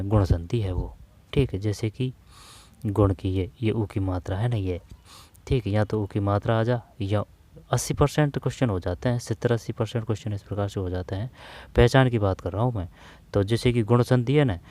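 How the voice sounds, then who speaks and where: Low-voiced man drilling exam grammar. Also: darkish tone. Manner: repetitive, drawn-out explaining, addresses viewers as bhai. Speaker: teacher. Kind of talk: exam-prep grammar lesson.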